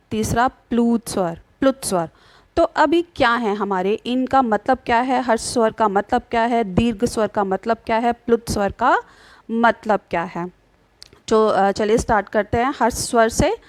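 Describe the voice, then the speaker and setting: A woman's voice: on the high side, dry recording. A woman teaching a grammar lesson, asking questions and answering them herself, drawing out vowel sounds as she demonstrates them. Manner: draws out vowel sounds slowly when demonstrating.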